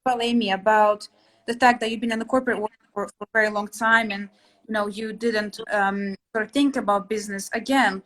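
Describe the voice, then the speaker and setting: Hosting a relaxed video call from a small room at home, this Latvian woman in her 20s teaches interior sketching. Her medium-pitched, fairly bright voice stays steady and runs a little fast, and her chatty talk is hesitant, full of fillers and restarts, picked up by a laptop webcam.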